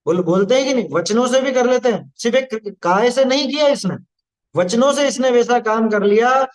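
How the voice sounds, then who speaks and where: A man's voice: extremely high pitch, moderate pace. A man giving a spoken religious discourse as a scripture teacher, explaining patiently and often checking with listeners that they follow. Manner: explains patiently, asks listeners "है ना?" and "आया समझ में?".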